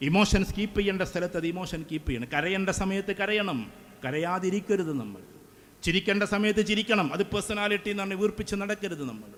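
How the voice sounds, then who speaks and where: A middle-aged man, giving an emphatic speech to students and repeating phrases for effect. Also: high-pitched. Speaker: motivational speaker. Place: school event hall.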